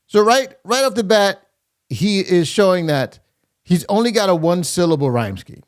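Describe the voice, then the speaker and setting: A man's voice: high-pitched, expressive, moderate pace. A man hosting a casual reaction video, critiquing a rap verse with lots of fillers and scatted rhythms. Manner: many fillers and restarts, scats rhythms aloud. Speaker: host reviewing rap verses.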